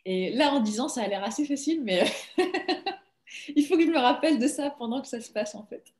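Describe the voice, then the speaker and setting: A woman's voice: sits high, animated, normal speed, darkish tone. Chatty young woman in a roomy call. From Belgium. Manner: chatty, laughs often, self-deprecating. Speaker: actress, interview guest. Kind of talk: casual interview chat. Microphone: video call.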